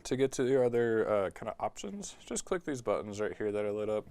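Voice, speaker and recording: Laid-back, low-voiced man demoing studio gear. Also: brisk. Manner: relaxed, filler-heavy explaining with frequent "like" and "um". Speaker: music production instructor. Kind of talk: casual tutorial walkthrough. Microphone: talkback mic in a studio.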